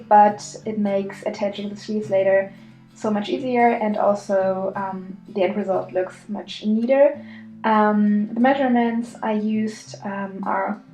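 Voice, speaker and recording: A woman with a German accent chatting casually through a sewing tutorial, giggly and full of ums. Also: mid-range voice. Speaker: sewing vlogger. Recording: echoey room with soft guitar music.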